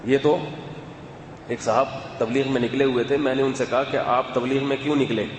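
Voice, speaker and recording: A man giving a sermon in a calm, conversational, explanatory way, with asides to his listeners. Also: mid-range voice. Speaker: religious scholar. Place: mosque or hall with loudspeaker system. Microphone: loudspeaker microphone. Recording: echoey hall, faint background noise.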